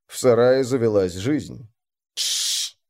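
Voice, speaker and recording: A man reads a gritty first-person tale with a lively, swinging pitch. He stays at a middle pitch and slows down and climbs higher whenever a character shouts. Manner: voices the characters with raised, slowed shouts. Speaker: narrator. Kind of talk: dramatic first-person story reading.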